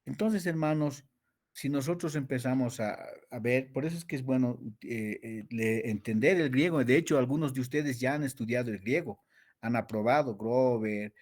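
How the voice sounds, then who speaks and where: Man, Bible teacher, classroom lecture, emphatic drawn-out words, questions to the class. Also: mid-range voice, darkish tone. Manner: repeats key words, stretches them slowly for emphasis, quizzes the class.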